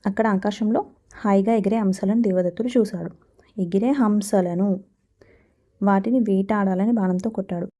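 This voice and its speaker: Mellow-voiced woman teaching a lesson. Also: medium pitch, steady tone, moderate pace, pauses often. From Telangana. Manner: asks and answers her own questions. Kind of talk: textbook lesson explanation.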